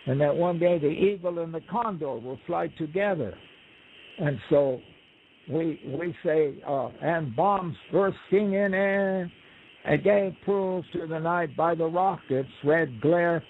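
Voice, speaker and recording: A man with a slightly high voice spins folksy stories and jokes, slipping into little quoted voices. He is heard over a tinny phone line with a faint hiss behind him. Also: takes it slowly. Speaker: guest storyteller. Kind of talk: relaxed conversational storytelling.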